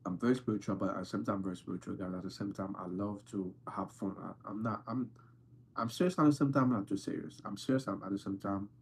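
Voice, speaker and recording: Quick-paced and lowish in pitch, a man hosts a relaxed livestream, playfully teasing viewers as he answers their questions and repeats himself for emphasis. A faint hiss or hum is audible.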